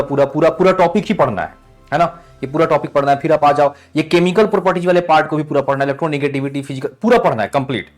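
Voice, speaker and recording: Guy teaching chem, keeps asking "thik hai?", a bit high pitched, soft music behind. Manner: addresses students as "beta", checks with "thik hai?". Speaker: chemistry teacher. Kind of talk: online exam-prep lesson.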